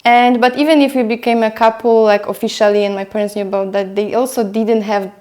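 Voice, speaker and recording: A woman's voice: fairly high pitch, steady tone, a little fast, a little mellow. A woman from Poland, a guest on a podcast who talks hesitantly. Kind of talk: casual podcast chat.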